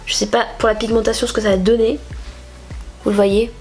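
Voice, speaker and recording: Soft music plays in the background while a young Frenchwoman talks fairly quickly in a slightly high, level, somewhat mellow voice. A stuffy nose from a cold makes her sound nasal. She's a beauty vlogger chatting loosely through a makeup tutorial, full of fillers and rambling asides.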